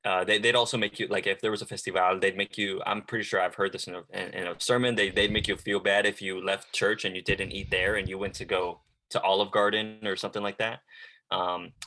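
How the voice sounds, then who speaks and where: A man with a lowish, bright and forceful voice chats casually. He hedges with lots of "like" and "you know" and drops slang freely. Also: little pitch movement, fairly quick. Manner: loose, slangy, hedging with many fillers. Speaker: former church member, podcast guest. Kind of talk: casual podcast chat.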